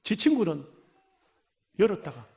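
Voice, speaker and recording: An older man, a pastor, telling stories in a folksy revival sermon, jumping between loud bursts and quiet asides. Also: high voice, big pitch swings, moderate pace, creaky.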